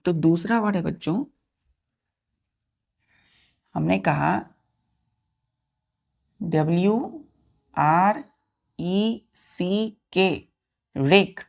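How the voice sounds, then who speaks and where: A woman's voice: lowish voice, expressive, extremely slow, vocal fry, pauses often. A woman teaching English vocabulary as a classroom-style lesson, spelling words letter by letter and quizzing her pupils. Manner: addresses listeners as children.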